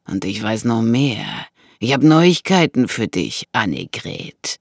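Narrator putting on a slow, taunting menacing man. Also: mid-range voice, wildly swooping pitch, vocal fry, breathy edge, no echo, clean studio sound, heavily acted. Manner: slow, taunting, drawn-out delivery. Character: threatening man with a knife, mocking and menacing.

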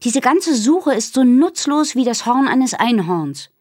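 A woman's voice: a little high, sing-song, a little slow, a little mellow, dry recording, voice pushed up. A woman reading aloud voices a young girl with a dry, sarcastic way of talking.

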